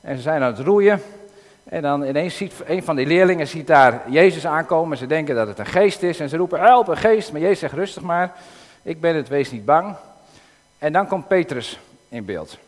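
A man giving a sermon, reading a Bible passage aloud and retelling it in a calm, explanatory way with occasional hesitations. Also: on the high side, normal speed. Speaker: preacher. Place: church in the north of the Netherlands. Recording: long reverb of a church hall.

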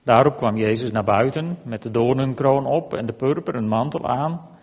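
A man giving a measured, deliberate scripture reading in a church. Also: medium pitch, darkish tone, breathy edge, in a large hall. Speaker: scripture reader.

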